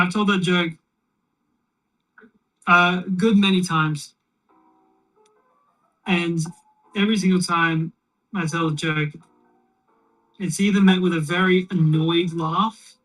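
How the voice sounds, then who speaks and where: A speaker alone in a room, telling a long shaggy-dog joke in a rambling, deadpan way with plenty of fillers. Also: mid-range voice, takes it slowly, pauses often, recorded from a distance, soft background music, poor audio. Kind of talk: shaggy-dog joke told while painting miniatures.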